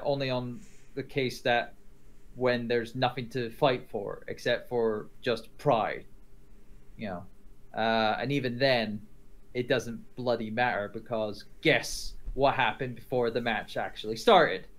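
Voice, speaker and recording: Man, podcast co-host, casual chat, exasperated rant, middle pitch. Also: measured pace, fairly bright tone. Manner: exasperated ranting.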